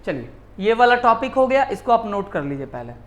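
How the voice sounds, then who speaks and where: A man's voice: high voice, very animated, a little fast, fairly bright tone. A male teacher giving a classroom lecture in Hindi mixed with English terms, often repeating key words and answering his own questions. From India.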